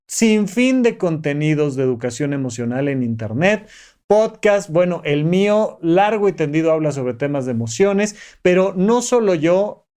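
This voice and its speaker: A man's voice: high-pitched, darkish tone. Didactic man hosting podcast. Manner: didactic, enumerates steps, coaxing tone with listener. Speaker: podcast host. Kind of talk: motivational podcast monologue.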